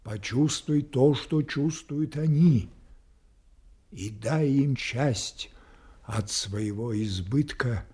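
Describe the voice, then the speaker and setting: A man's voice: mid-range voice, very slow. An actor playing an anguished old king losing his mind, in brooding, declamatory tragic style. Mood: sorrowful, reflective. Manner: brooding, declamatory, swelling from hushed to impassioned. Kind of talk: theatrical classical tragedy monologue.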